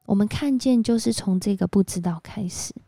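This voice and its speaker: A woman giving a devotional sermon, telling a story in a lively way with frequent exclamations. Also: mid-range voice, normal speed, creaky, dry recording. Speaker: church speaker. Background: faint background music.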